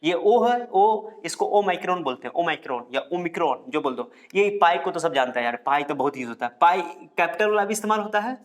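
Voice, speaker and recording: A man's voice: high voice, lively intonation, a little fast, few pauses. A male teacher from India giving a chatty classroom lecture, repeating terms and joking as he writes on the board.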